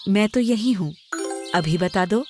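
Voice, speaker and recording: A woman voicing a kind, patient poor young man in a storybook tale, speaking softly and earnestly. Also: mid-range voice, unhurried, over music, close to an everyday voice.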